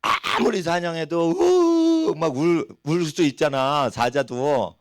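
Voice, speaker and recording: A man's voice: fairly high pitch, measured pace, no echo, studio quality. Folksy middle-aged male pastor preaching. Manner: folksy, acts out voices of people and animals in his stories. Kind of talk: sermon. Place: church.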